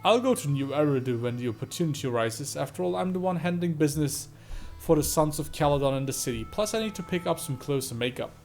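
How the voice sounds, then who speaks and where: A man's voice: fairly high pitch, expressive, fast talker, darkish tone, soft background music. A man voicing a playful, rebellious young woman in a game, teasing in tone. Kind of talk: reading game dialogue aloud.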